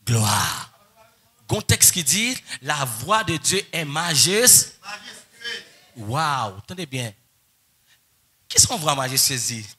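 A man preaching a sermon, moving between soft coaxing asides and shouted, sung-out exclamations. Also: medium pitch, very animated, takes it slowly, pauses often, husky. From Haiti. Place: church or conference hall.

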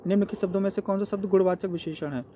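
A man's voice: sits high, steady tone, racing, mellow, slight background noise. A man working through an exam paper as a Hindi tutor, asking questions aloud and answering them himself step by step. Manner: explains step by step, asks and answers his own questions.

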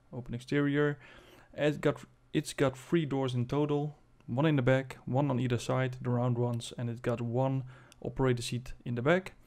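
A man giving casual commentary as host of a game showcase, halting and thinking aloud as he demonstrates. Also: medium pitch, darkish tone. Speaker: video host presenting a game spaceship.

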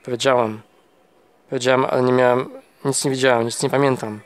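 A man's voice: mid-range voice, level tone, brisk, faint music behind, lightly acted. A man reading a novel aloud, voicing an ashamed, hesitant woman witness in his own plain voice.

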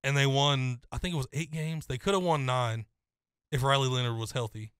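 A young man co-hosting a casual sports talk show, giving a confident, detailed breakdown in a steady flow. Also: mid-range voice, fairly quick, clear, resonant tone, no echo, clean studio sound. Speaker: co-host.

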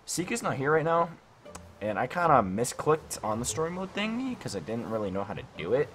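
Soft music plays behind a young man's mid-range, fairly bright voice, sing-song and a little fast. As a gaming YouTuber at home late at night, he gives casual let's-play commentary on a desk mic, thinking aloud in a rambling, self-questioning way peppered with "like" and "I don't know."

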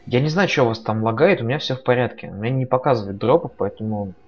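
A man's voice: mid-range voice, fast talker, muffled recording. A man giving casual live commentary on a fighting game, talking in a conversational, analytical way. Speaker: esports commentator. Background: game music.

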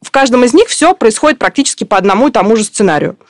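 A woman's voice: on the high side, expressive, very fast, dry recording, clean studio sound. A woman reporter explaining events in a news discussion at length, with many fillers and restarts.

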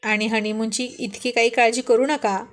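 A calm young groom who reassures his friends in an easy, relaxed way, as a woman storyteller plays him. His voice is pitched a little high and stays unhurried in this told story. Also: lightly acted.

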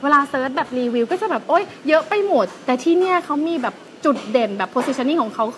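Chatty, bright-voiced young Thai woman. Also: high-pitched, a little fast, a little hiss or hum, low-quality recording. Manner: chatty and excitable, lots of fillers and exclamations. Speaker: food and travel vlog host. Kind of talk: casual food review walkthrough. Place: seaside restaurant, outdoors.

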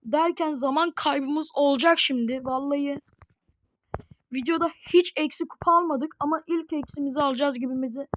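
A woman at home chatting casually to her viewers while playing a game, chatty and prone to excited, dramatic outbursts. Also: high voice, moderate pace, highs cut off, slight background noise. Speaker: gaming video host. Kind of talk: casual gameplay commentary.

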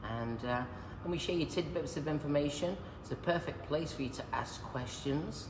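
A chatty hairdresser and educator in his 50s jokes and teaches as he cuts during a live haircut demonstration in a large, bright indoor salon. His slightly croaky voice is a little high and at normal speed, picked up by a nearby phone camera in an echoey room with salon noise.

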